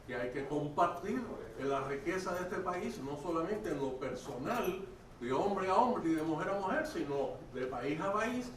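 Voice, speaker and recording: A man in the audience of a conference making an insistent, emphatic argument, heard from a distance in a hall. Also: high voice. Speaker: audience member commenting. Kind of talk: impassioned audience comment. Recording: echoey hall from afar, crowd behind.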